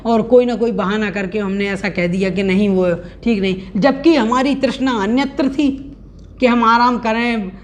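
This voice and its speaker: A woman teaching an online scripture class, explaining each idea and reciting verses slowly and deliberately. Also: fairly high pitch. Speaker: religious teacher.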